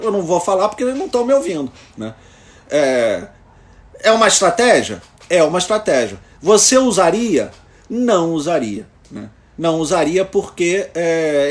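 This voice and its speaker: A man, a lawyer giving tips on oral argument to the camera in an animated way, with many tag questions. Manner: animated, lively pitch swings, frequent tag questions. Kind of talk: instructional talk to the camera.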